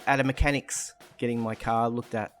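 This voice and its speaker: A man's voice: mid-range voice, steady tone, a little fast, soft background music. A man co-hosting a podcast in casual, bantering chat. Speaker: podcast co-host.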